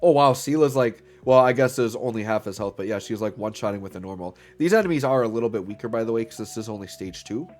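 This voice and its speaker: Quick and lively, with few pauses, this gaming-channel host talks through his gameplay in a fairly low, darkish voice while faint music plays behind him. He's upbeat and a bit stuffy from being sick, and leans heavily on "um" and "right?" as he plays.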